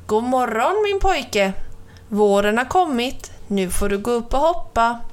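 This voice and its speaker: A woman's voice: on the high side, expressive, lightly acted. Woman doing a cheery papa dormouse. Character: father dormouse, cheerful, just awake.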